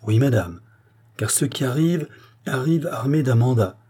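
A man's voice: mid-range voice, lively intonation, moderate pace, dark tone, slightly rough. A man reading an earnest revolutionary statesman pleading. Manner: urgent, explanatory pleading. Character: earnest male politician warning a queen.

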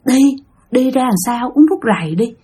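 A woman softly putting on a coaxing female spirit. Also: a little high, lively intonation, moderate pace, husky. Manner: soft, coaxing, hushed.

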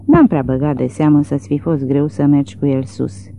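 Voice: mid-range voice, fairly even intonation, creaky, dark tone, slight background noise, close to an everyday voice. A reader voicing a cold, shrewd father in his sixties who answers with dry mockery, on tinny phone-like audio. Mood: mocking. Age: 60s. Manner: dry, mocking retorts. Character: sardonic sixty-year-old father, cold and shrewd.

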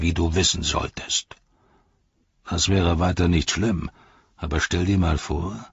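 A man voicing a sly, mocking male orc soldier, speaking slowly and heavily in an audiobook reading. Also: sits low, slightly rough, no echo, muffled recording, full character voice. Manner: slow, heavy, sneering delivery.

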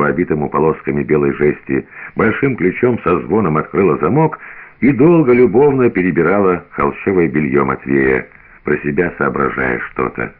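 A man reading a novel aloud with expressive, theatrical narration, on a tinny old radio recording. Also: low voice. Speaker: reader.

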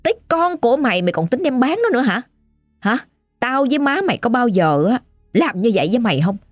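A woman's voice: a little high, sing-song, fast talker, no room sound, studio quality, soft background music, pitched above the performer's own voice. A woman voicing the angry spirit of a dead grandfather speaking through his granddaughter, scolding and threatening in a harsh Southern Vietnamese accent. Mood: furious.

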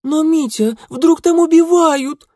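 A man voicing a pair of teasing young society sisters in a sing-song, high voice. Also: wildly swooping pitch, normal speed, no room sound, studio quality. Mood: teasing, gushing.

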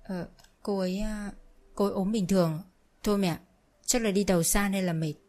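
A woman voicing a nervous, evasive young husband who speaks in a hesitant, halting way for a told story. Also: on the low side, darkish tone, natural voice.

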